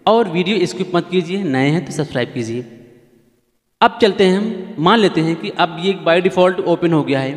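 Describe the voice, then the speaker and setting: A man's voice: high voice, lively intonation, normal speed, big-room sound. A man hosting a casual how-to keyboard tutorial, chatty and repetitive, often asking viewers to keep watching. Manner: chatty, repeats points, pleads with viewers.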